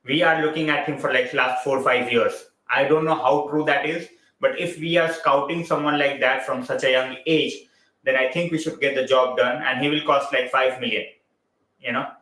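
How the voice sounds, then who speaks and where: A man's voice: medium pitch, steady tone, normal speed, pushed and bright, reverberant, rough recording. A man with an Indian English accent hosting a casual football live stream, chatting loosely, slipping into Hindi and greeting viewers by name.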